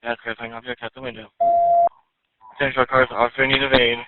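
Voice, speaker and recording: This police dispatcher has a medium-pitched voice with big pitch swings and some vocal fry, and he talks briskly. He reads calls back in short radio phrases, transmitted over a narrowband channel with a little static.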